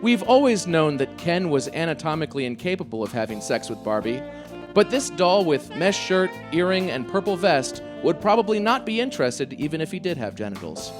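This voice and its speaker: A man's voice: fairly high pitch, very animated, fairly quick, over music. A man hosting a comedy radio quiz, reading product blurbs in a playful, mock-dramatic way. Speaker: podcast host running a quiz game.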